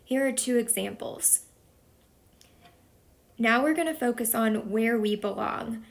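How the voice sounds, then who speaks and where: A woman's voice: fairly high pitch, a little slow, vocal fry. A woman teacher from Texas explaining a lesson patiently, step by step, as a voice-over for a whiteboard video. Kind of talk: slow explanatory lesson narration.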